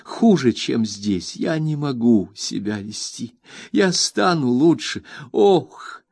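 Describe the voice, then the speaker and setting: A man's voice: mid-range voice, very animated, takes it slowly, vocal fry, darkish tone, no room sound, clean studio sound, voice pushed up, heavily acted. A man voicing a desperate young woman who begs to be let go. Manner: desperate, trembling pleading. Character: desperate young woman begging to leave town.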